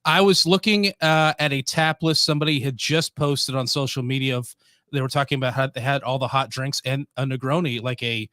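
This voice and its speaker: A man co-hosting a casual podcast chat, talking in an easygoing, halting way. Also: mid-range voice, steady tone, bright, forceful tone, no echo, clean studio sound. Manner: easygoing, halting with fillers and restarts. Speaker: podcast co-host.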